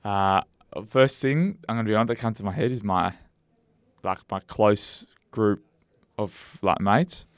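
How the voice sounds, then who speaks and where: Man, broad Australian accent, lowish smooth voice, young adult, rambling matey podcast chat. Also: a little slow, no room sound. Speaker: podcast co-host.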